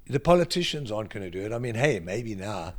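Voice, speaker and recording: A man's voice: lowish voice, sing-song, fast. A middle-aged South African man with a South African accent, a guest speaking in a casual interview in a library, often restarting phrases and then pushing words out with sudden emphasis. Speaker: guest, creative director.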